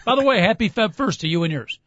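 A man with a high-pitched voice hosts casual sports talk radio. He rambles and jokes wryly in easy banter. The sound is dry and a little dull, like band-limited broadcast audio. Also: expressive, quick pace, a bit bright, no echo. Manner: wry, joking, rambling.

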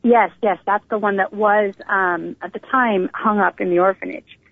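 Speaking as an interview guest, this middle-aged American woman from Northern California tells her own story in a casual, chatty way. Her voice is medium in pitch with a gravelly fry, her intonation fairly even and her pace moderate. The recording is dry, heard over a thin, tinny phone connection.

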